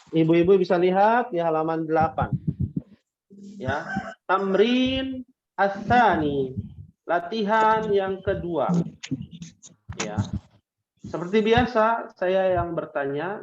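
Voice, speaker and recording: A man teaching an online language class to women, patiently drilling questions with drawn-out prompts and repeating the answers back. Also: high voice, highs cut off, a little hiss or hum. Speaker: Arabic teacher.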